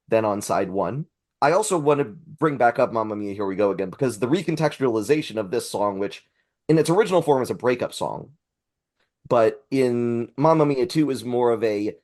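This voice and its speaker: A man's voice: medium pitch, darkish tone. A man talking about music in casual discussion, earnest and effusive in his praise.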